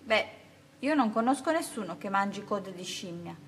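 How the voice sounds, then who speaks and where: A woman voicing a small crying monkey with high, drawn-out cries. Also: expressive, slight background noise, lightly acted. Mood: hurt.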